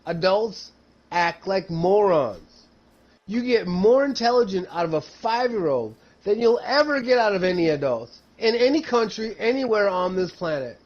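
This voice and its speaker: A man in his fifties with a notably high voice talks in a blunt, profane way, like someone ranting to a friend. He is emphatic and slangy, swearing often. The recording is dull and lo-fi. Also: animated, normal speed. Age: 50s. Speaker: storyteller. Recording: dull lo-fi sound.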